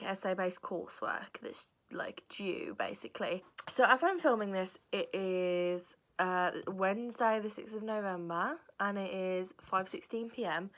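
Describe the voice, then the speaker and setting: A young woman from England with a raspy voice, chatting casually in a vlog and rambling with lots of fillers. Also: mid-range voice, fairly bright tone. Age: young adult. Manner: rambling, many fillers like "like" and "basically". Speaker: student vlogger. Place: cold room at home, at a desk.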